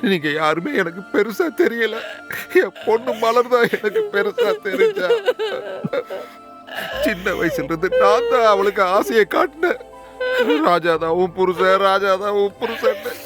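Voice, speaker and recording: Casting: man playing broken middle-aged dad, high lively voice, music behind. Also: measured pace, full character voice. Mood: remorseful. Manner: broken, tearful. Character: remorseful middle-aged father confessing. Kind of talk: film acting.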